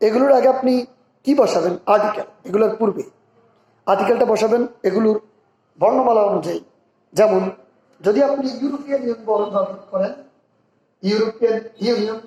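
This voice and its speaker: A man's voice: high voice, a little mellow. A man explaining English grammar rules step by step, reading example sentences aloud and repeating key terms. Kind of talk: explanatory lesson. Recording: echoey room.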